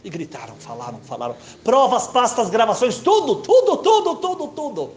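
A male storyteller with a high, lively voice that swoops up and down constantly. He narrates with animated energy, jumping into his characters' voices as he goes. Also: moderate pace, slight background noise. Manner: animated, acts out every character. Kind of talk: lively anecdote told to an audience.

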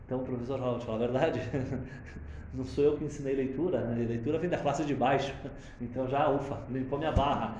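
A man giving a storytelling Torah lesson, chanting Hebrew verses and translating them in an animated way. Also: medium pitch, brisk, echoey room, muffled recording, a little hiss or hum. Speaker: Torah teacher.

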